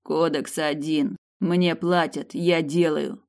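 A woman's voice: low-pitched, fairly even intonation, takes it slowly, a little mellow. Woman reading as a cold menacing mercenary. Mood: mocking. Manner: clipped, cold delivery. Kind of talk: audiobook character reading.

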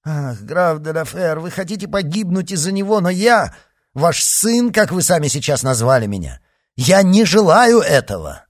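A man voicing a hot-tempered young musketeer who bursts out loudly and scornfully. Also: deep voice, lively intonation, unhurried, husky, full character voice. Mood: indignant. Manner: loud, scornful outbursts.

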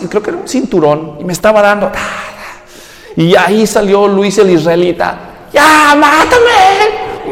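A man preaching a sermon, animated and humorous, acting out quotes in a raised voice. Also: high voice. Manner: humorous storytelling asides. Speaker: pastor. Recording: echoey hall reverb.

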